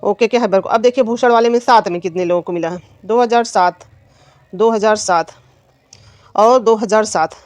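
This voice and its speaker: A woman's voice: mid-range voice, moderate pace, darkish tone, no echo. A woman teacher giving an exam-prep lesson, asking questions and answering them herself. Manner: repetitive quizzing, asks and answers own questions.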